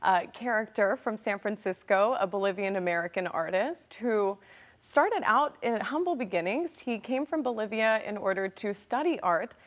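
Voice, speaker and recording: A woman's voice: medium pitch, animated, normal speed. Polished young woman reporter from California, eager studio guest. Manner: enthusiastic, polished reporter delivery. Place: TV studio set. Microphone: lapel mic.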